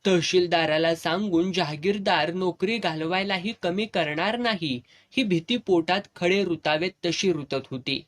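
A man reads a serialized village novel aloud with vivid, dramatic storytelling. His voice sits a little higher than most men's. The delivery is scripted and steady, paced like an audiobook. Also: measured pace. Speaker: narrator.

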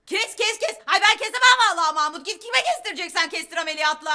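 A woman's voice: extremely high pitch, expressive, quick pace, sharp tone, a little hiss or hum, full character voice. An actress playing a scheming, cheeky younger sister in a sitcom, teasing and mock-dramatic in her delivery. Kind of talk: sitcom acting.

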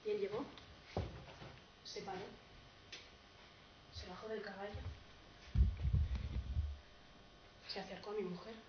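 A young woman acting as a poor, grieving male peasant farmer in a tragicomic stage monologue, telling the story in a broken, halting way. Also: medium pitch, little pitch movement, distant mic, natural voice. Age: young adult. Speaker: drama student. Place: theatre stage. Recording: dull, roomy stage recording, noisy.

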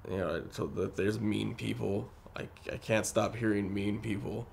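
A young man speaking candidly in a documentary interview, halting and restarting as he talks. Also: fairly low pitch, steady tone, vocal fry, slight background noise. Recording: soft music underneath.

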